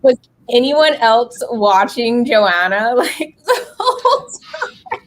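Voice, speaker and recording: A woman on a video call for a reading sprint, excitable and gushing, often laughing. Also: on the high side, takes it slowly. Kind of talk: casual video call chat. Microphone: computer mic on a video call.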